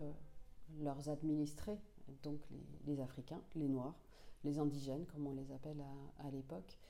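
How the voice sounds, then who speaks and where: A woman in her forties speaks in a low, very dark and mellow voice. She answers an interviewer thoughtfully, pausing often and restarting her sentences as she searches for words. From Finland, raised in Senegal. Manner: thoughtful, many hesitations and restarts. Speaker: author being interviewed.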